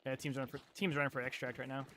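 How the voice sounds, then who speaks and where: A young man streaming a game, ranting in frustration and swearing, with loud outbursts. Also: medium pitch, little pitch movement, rapid-fire, background noise. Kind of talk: live game stream commentary.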